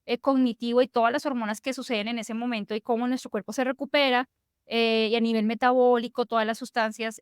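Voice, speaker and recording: A woman's voice: a little high, smooth, no echo, studio quality. A woman physician, explaining at length in a conversational interview, with frequent fillers and restarts.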